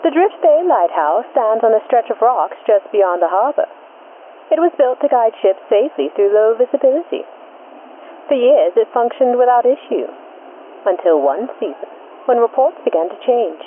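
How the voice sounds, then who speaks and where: The narrator is a woman with an animated voice on the high side, hosting a scripted mystery in the style of 1940s radio. Her delivery stays measured and deliberate in short suspenseful bursts, filtered to sound tinny and band-limited with static noise.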